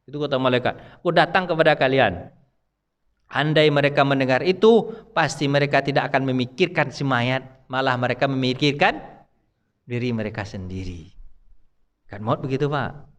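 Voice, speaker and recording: A male preacher delivers a mosque sermon and study class in a medium-pitched voice at a moderate pace, repeatedly putting questions to the congregation. The long reverb of the mosque hall surrounds his words.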